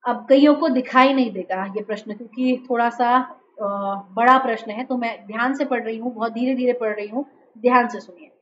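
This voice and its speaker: A high-pitched woman teaches an online exam-prep class, walking through answers step by step and urging students to respond quickly. The sound is dull and lo-fi, with faint noise underneath. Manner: explains step by step, repeatedly urges quick answers. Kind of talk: online live-class lecture.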